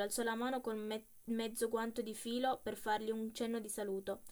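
A woman reading a literary story aloud, expressive and measured. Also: on the high side. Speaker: reader.

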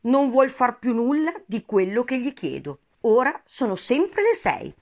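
A woman doing an excitable, scornful mad hatter. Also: on the high side, moderate pace, voice pushed up. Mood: mournful. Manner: animated, indignant, rambling.

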